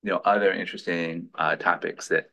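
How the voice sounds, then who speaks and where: A man with a lowish voice runs a lab meeting and introduces a guest. He talks informally and haltingly, full of restarts and fillers. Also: fairly even intonation, creaky, sharp tone.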